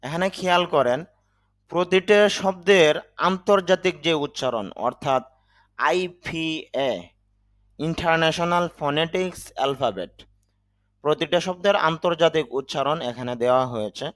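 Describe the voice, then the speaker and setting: Slow, patient male English teacher. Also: fairly high pitch, fairly bright tone. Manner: slow, explains each sound step by step. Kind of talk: vocabulary lesson.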